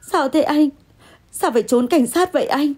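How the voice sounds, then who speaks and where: A woman's voice: sits high, lively intonation, moderate pace, a little mellow, slightly rough, pitched above the performer's own voice. A woman doing a tearful, pleading young woman. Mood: bewildered. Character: young woman, frightened, then stubbornly honest.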